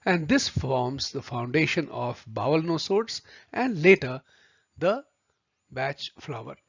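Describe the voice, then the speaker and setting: A man teaching a video lesson, speaking deliberately and addressing viewers as friends. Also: a little high, expressive, vocal fry, husky, no room sound. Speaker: homeopathy tutor. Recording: dry, slightly muffled recording.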